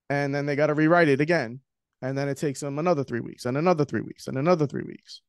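A guest on a video call, he's a Queens-born screenwriter in his forties whose smooth, slightly high voice carries a New York accent. He's talkative and animated, gesturing through a casual interview chat from a home room lined with shelves. Speaking into a studio mic while wearing headphones, he comes through clean, with no echo.

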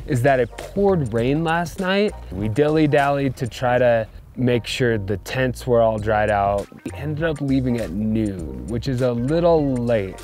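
A man with a medium-pitched, darkish voice hosts an outdoor vlog, narrating chattily and enthusiastically from a mountain campsite into a handheld camera mic.

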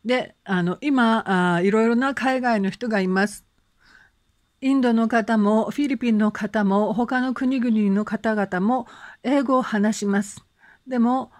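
A woman teaching English conversation in an online lesson, speaking in a gentle, encouraging way with frequent fillers and reading out slow, careful English examples for learners to repeat. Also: a little high, no room sound, clean studio sound.

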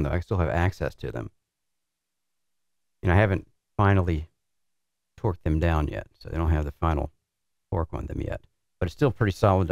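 A deep-voiced sim racing equipment reviewer walks through building a rig in a large indoor workshop with a concrete floor. He explains in a relaxed, practical way while working with tools, and the recording is dry.

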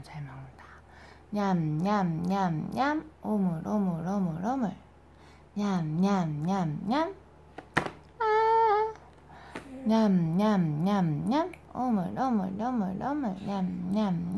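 A mother speaking soft, sing-song baby talk while spoon-feeding her baby at home, repeating little chewing sounds to coax each bite. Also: mid-range voice, expressive, slow, vocal fry, a little hiss or hum. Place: home, at the baby's feeding chair.

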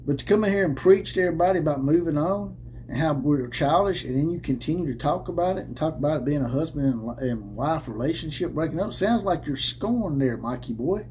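The thirtysomething college football host has a voice on the high side, darkish in tone, with lively intonation and a slightly fast pace. Framed head and shoulders by a desk camera in a room with caps on the wall, he rants sarcastically and combatively, laughing mockingly, over a little hiss or hum.

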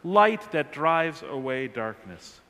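Man, 40s, pastor preaching, emphatic, very animated pitch, long church echo. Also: takes it slowly. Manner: emphatic preaching with wide swings of pitch and volume, gesturing. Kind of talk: sermon. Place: large church sanctuary, at a lectern.

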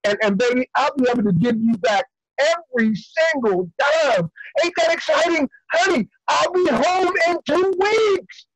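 A man's voice: extremely high pitch, no room sound, low-quality recording. A man playing an eager jailed father. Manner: hurried, pleading, excited. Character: jailed middle-aged father, pleading and eager. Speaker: church skit actor.

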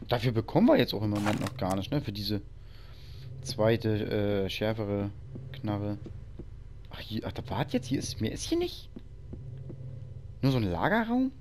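A man's voice: lowish voice, very animated, normal speed, long pauses, background noise. A man casually commenting on a video game while he plays, thinking aloud and muttering to himself. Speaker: let's play host.

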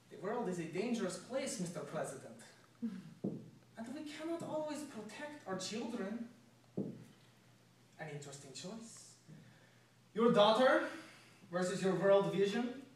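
A man playing a cold, taunting Russian terrorist hijacker in a dramatic monologue, speaking deliberately with a Russian accent. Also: extremely high pitch, fairly bright tone, slight background noise, heavily acted. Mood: cold menace. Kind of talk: dramatic audition-style film monologue. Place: echoey room, away from the microphone. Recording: echoey room, distant microphone.

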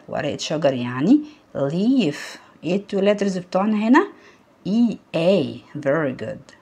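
A woman with an Egyptian Arabic accent leads a recorded English lesson for small children. Her voice is low and a little breathy. She swings her pitch widely as she quizzes the class and cheers their answers. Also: a little mellow. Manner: asks the children questions and praises them. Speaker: primary school English teacher. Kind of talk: recorded lesson for young pupils.

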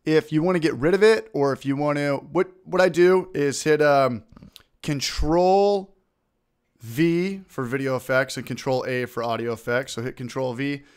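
A man hosting a screen-recorded software tutorial, upbeat and informal, talking through each click. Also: a little high, normal speed, smooth. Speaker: video tutorial host.

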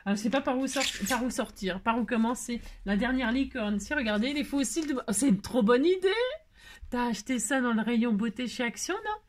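Brief: woman vlogger, slightly high voice, effusive and chatty, repeats her delight, restarts sentences. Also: brisk. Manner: effusive, gushing, repeats exclamations. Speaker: craft vlogger opening mail. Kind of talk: casual chat to viewers.

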